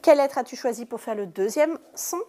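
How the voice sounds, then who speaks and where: A woman teacher giving a lesson to young pupils in a classroom, speaking slowly and clearly and stressing each syllable. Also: fairly high pitch, expressive, warm tone. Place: primary school classroom.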